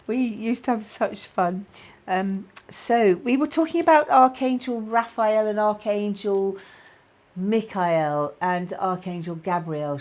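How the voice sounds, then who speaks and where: A middle-aged woman with a British accent hosting a casual live-stream chat, talking warmly to viewers with plenty of fillers. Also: on the low side. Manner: chatty, many fillers, reads out viewer comments. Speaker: spiritual guidance host.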